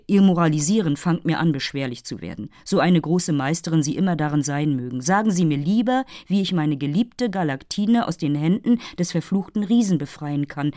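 A flighty young prince, flippant and quick to lose patience, read by a woman. The voice stays low and close to the narrator's own, recorded dry. He teases and pleads by turns. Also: lively intonation, dark tone, dry recording. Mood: exasperated.

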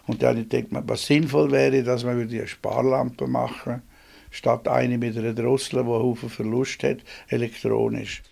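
A man's voice: medium pitch, little pitch movement, moderate pace, vocal fry, a little mellow, slightly rough. A man in his eighties with a Swiss German accent, telling his own story in a rambling, plain-spoken way from his small home office. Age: 80s. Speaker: inventor interviewed. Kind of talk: reminiscing interview.

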